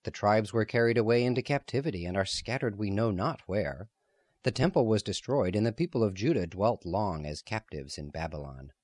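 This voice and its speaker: A man reading the part of a quiet, devout woman who speaks softly. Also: fairly low pitch, a little fast, dry recording, natural voice. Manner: quiet, soft-spoken.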